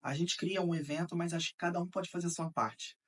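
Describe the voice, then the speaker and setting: A man talks thoughtfully in a documentary interview, often backing up to restart a phrase. His voice is fairly high for a man and picked up from a distance, so it sounds set back from the mic. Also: steady tone, a little fast, fairly bright tone.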